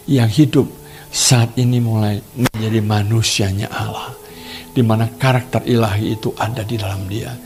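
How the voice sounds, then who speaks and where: A man preaching a sermon as pastor, who jumps to a high, loud voice to stress his points. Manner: preaching with sudden leaps to a high, loud voice for emphasis.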